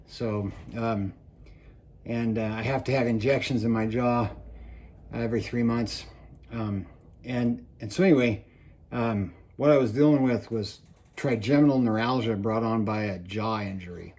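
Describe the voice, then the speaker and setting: A man gives a casual trapping-tutorial style talk in a mellow, relaxed voice of ordinary male pitch. His words are slightly slurred, as with a mouthguard in, and his S sounds whistle a little. He speaks haltingly, pausing now and then to swallow. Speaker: trapping video presenter. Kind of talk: casual instructional vlog.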